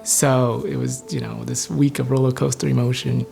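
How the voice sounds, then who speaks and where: A man in his thirties from Vietnam, a doctor and cancer patient, telling his story in a soft, plain way in an interview. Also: medium pitch, flat delivery, moderate pace, vocal fry, music in the background. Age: 30s. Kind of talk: personal interview.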